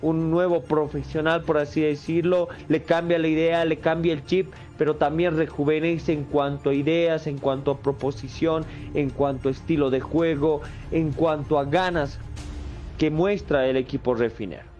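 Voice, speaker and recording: Football analyst guy, steady even talk, slightly high voice, faint music under it. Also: moderate pace, highs cut off. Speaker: sports analyst guest. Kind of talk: sports debate talk. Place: indoor room. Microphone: earphones on a video call.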